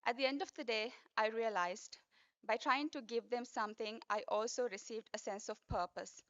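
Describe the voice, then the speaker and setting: A woman in her twenties with a Sri Lankan accent, giving an earnest, formal pageant speech with deliberate, emphatic phrasing. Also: a little high, a bit bright, dull audio. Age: 20s. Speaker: pageant finalist.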